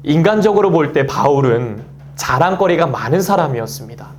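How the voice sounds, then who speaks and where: A man's voice: fairly high pitch, expressive, brisk, slight background noise. A man in his thirties preaching a Sunday sermon as pastor, acting out quoted voices and a child's play as he goes.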